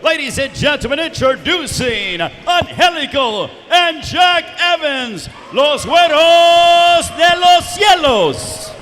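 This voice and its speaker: Male lucha libre ring announcer, bright and piercing, stretching out each introduction through a reverberant hall. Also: expressive, a faint crowd, slight background noise. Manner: drawn-out, proclaiming introductions. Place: wrestling event venue, over the PA. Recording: long booming arena hall reverb.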